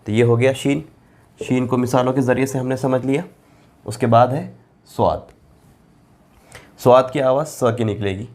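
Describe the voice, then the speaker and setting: A man teaching Arabic letters as a Quran reading teacher, patient and repetitive, drawing out each letter name slowly. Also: mid-range voice, steady tone, a little mellow. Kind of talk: board lesson explaining Arabic letters.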